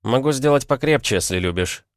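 A man's voice: medium pitch, lively intonation, brisk, no room sound, studio quality, voice pushed up, lightly acted. A man voicing a flippant young vampire woman in a sassy, lifted tone. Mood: teasing.

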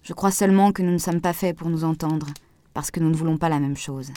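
A woman voicing a calm, soft-spoken man in an audiobook, speaking gently and with measured words. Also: low-pitched, natural voice. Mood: gentle firm. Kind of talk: audiobook dialogue reading.

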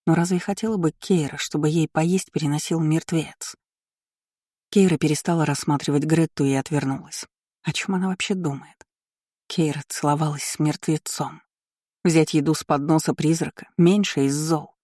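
Mellow, dry-voiced audiobook narrator. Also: mid-range voice, dry recording. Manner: even, measured storytelling. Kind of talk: scripted narration.

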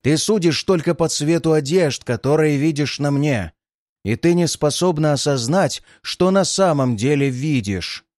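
A man's voice: a little high, animated, a little slow, a little mellow, dry recording, studio quality. A man voicing a huge, cruel male demon who growls his words with scorn. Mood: scornful.

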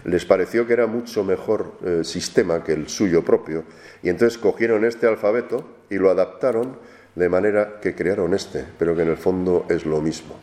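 Man, lecturer, fairly low voice, explains patiently with question tags, roomy lecture-room echo. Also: normal speed, mellow. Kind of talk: classroom lecture.

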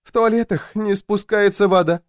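A man doing a high, jittery, plaintive woman. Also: a little fast, no echo, clean studio sound, natural voice. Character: frazzled, jumpy woman who feels hunted.

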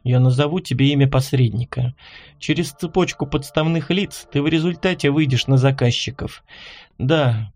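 A man voicing a calm, sly female contract killer who mocks her captive. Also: mid-range voice, close to an everyday voice.

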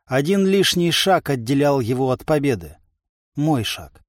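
A man narrating a first-person audiobook in a lively, ironic manner. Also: medium pitch, a little slow, no echo, studio quality.

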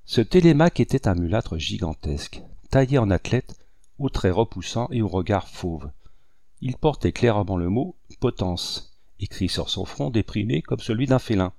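A man reading a novel aloud in a measured, even narration. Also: fairly low pitch, no echo. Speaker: audiobook narrator. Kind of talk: scripted literary narration.

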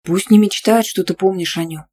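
A woman voicing a sharp-tongued young female student friend in an audiobook, with hissed whispers and quick jabs. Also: mid-range voice, close to an everyday voice.

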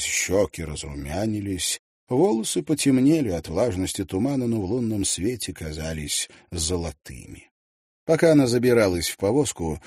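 A man reading a novel aloud as an expressive audiobook narrator. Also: lowish voice, husky, no echo, studio quality. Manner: expressive, varied delivery.

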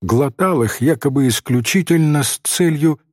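A man narrating a story in an expressive, gently ironic way. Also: on the high side, normal speed, no room sound, studio quality. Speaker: audiobook narrator.

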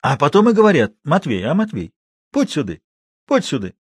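Man doing a slow gloomy old village watchman. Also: on the high side, huge pitch swings, breathy edge, dry recording, pitched above the performer's own voice, exaggerated voice. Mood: gruff, mysterious. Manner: slow, dialect-heavy, mysterious.

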